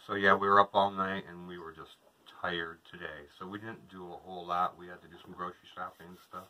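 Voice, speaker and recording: A man's voice: low-pitched, pushed and bright, poor audio. A man in his thirties, a vlogger, chatting casually to a camera across from him inside a small trailer. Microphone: camera a couple of metres away.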